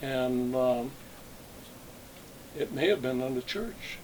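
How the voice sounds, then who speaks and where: Older man recounting his working past for an interview, meandering and halting, with a faint hiss behind him. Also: medium pitch, lively intonation, a little mellow, rough recording. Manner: rambling, reminiscing with frequent restarts. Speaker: interviewee, retired salesman. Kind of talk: oral history interview.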